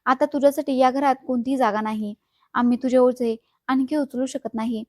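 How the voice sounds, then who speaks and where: A woman's voice: high-pitched, fairly even intonation, moderate pace, no room sound, studio quality. A woman voicing a harsh, scornful older mother-in-law in a spoken story, scolding and dismissive.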